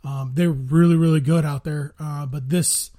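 Man, casual food chat, mellow dark tone, slightly high voice, relaxed, keeps saying man. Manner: relaxed, drawn-out food praise, says "man" a lot. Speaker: podcast co-host.

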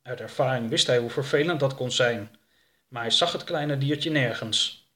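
Male storyteller, calm measured reading, middle pitch. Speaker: narrator. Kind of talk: scripted audiobook narration.

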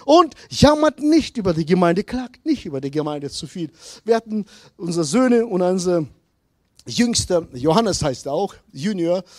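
Animated high-voiced preacher, slow and emphatic. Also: male voice, no room sound, studio quality. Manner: slow, emphatic preaching that swings from loud to hushed. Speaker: pastor. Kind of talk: sermon.

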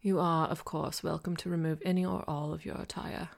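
A woman reading an audiobook, voicing a formal male talking cat who guides a game, in a soft, half-whispered voice. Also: deep voice, level tone, fairly quick, vocal fry. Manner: precise, formal and quietly dry.

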